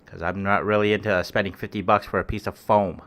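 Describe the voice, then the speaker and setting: A man talks into a close desk microphone in his living room. His voice sits a little low but has a bright, forceful edge. He rambles in an offhand way and swears freely. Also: steady tone, brisk. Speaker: vlogger testing gear. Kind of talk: casual home demo. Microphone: close desk microphone with homemade foam cover.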